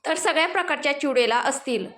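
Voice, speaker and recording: A woman's voice: high-pitched, fast, fairly bright tone. A woman voicing an irritable young man who scolds and snaps in a storybook tale. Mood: annoyed. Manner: snappish, scolding. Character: irritable young man, secretly scared, gruff.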